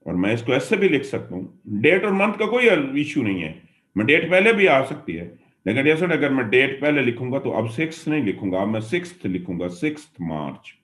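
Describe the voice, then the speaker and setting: A man's voice: medium pitch, very animated, fairly quick, a bit bright. A man teaching English grammar in a classroom lecture, explaining patiently and repeating his points as he addresses his students. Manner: mixes Hindi and English mid-sentence.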